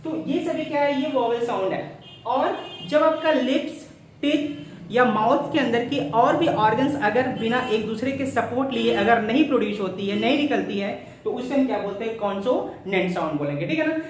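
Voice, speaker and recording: A woman's voice: on the high side, expressive, normal speed. A woman teaching an English grammar lesson at a whiteboard, posing rhetorical questions and checking "right?" with her students. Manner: addresses students as "guys" and "child". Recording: very echoey room, mic far off, faint noise.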